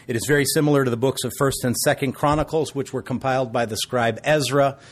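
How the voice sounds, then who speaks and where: A man's voice: medium pitch, fairly even intonation, quick pace. A man preaching a sermon as pastor, telling stories in an earnest, folksy, conversational way.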